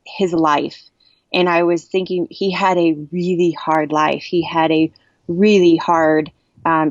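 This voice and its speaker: Guest woman, earnest and emotional, lower voice, halting speech, dull dry lo-fi recording. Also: no echo. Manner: earnest, halting, with frequent restarts; emotional, gets worked up. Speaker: podcast guest. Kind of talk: personal storytelling in a podcast interview.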